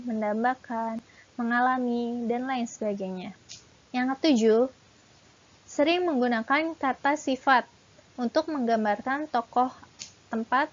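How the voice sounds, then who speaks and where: A woman's voice: on the high side, muffled recording. A woman teacher giving a lesson, listing points one by one with a few fillers. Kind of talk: classroom lesson talk.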